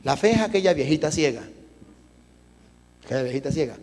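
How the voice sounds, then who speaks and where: Priest preaching in a reverberant hall. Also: male voice, fairly high pitch, fairly quick. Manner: animated storytelling, addressing the audience with questions. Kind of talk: sermon at a retreat.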